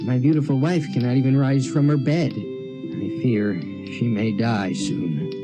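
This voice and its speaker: A man's voice: mid-range voice, unhurried, natural voice. A man playing a sorrowful poor woodcutter. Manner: pleading, sorrowful. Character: poor grieving woodcutter, humble and grateful. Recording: game audio with clear music.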